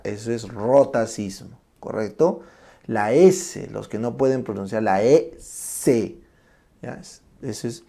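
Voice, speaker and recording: Guy teaching a class, gravelly mellow voice, keeps tossing in little check-in questions, says the terms slow. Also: on the low side. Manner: checks in constantly with short tag questions; names terms slowly and acts out examples. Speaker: lecturer. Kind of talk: classroom lecture.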